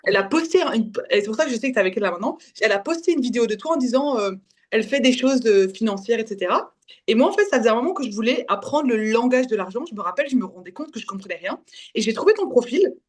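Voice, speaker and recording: A Belgian woman in her twenties, a guide for women's spiritual development appearing as a guest, shares a casual personal testimony in conversation. Her voice runs fairly high and animated, and she speaks haltingly, often correcting herself and dropping in English words.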